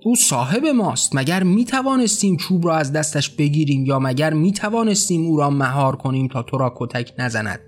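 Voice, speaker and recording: A man's voice: a little high, expressive, hardly any pauses, soft background music. A man voicing a fearful, pious male servant who urges patience in an audiobook drama. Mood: pleading. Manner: placating, then commanding. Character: timid, pious male servant, submissive believer.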